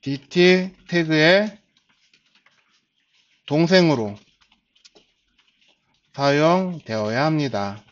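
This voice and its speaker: Patient man lecturing, lo-fi recording. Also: a little high. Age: 40s. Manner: starts phrases with a drawn-out filler, slow and patient. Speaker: instructor. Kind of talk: classroom lecture.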